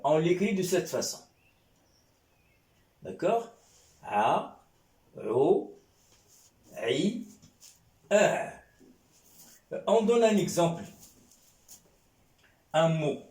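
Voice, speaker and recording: Slow, echoey-voiced male teacher. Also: fairly high pitch, a little mellow. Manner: slow, repetitive, checking in with "hein?" and "d'accord?". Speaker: Arabic teacher. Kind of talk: classroom lesson. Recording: echoey room.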